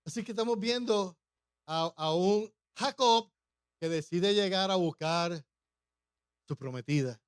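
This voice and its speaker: A man's voice: high voice, a little slow, long pauses, smooth, dry recording, clean studio sound. A male pastor preaching a humorous sermon, often putting questions to the congregation.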